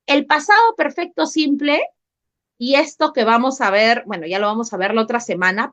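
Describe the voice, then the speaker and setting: A woman English teacher, running an online class, patiently repeating questions and calling on students by name. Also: a little high. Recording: dull lo-fi online class audio.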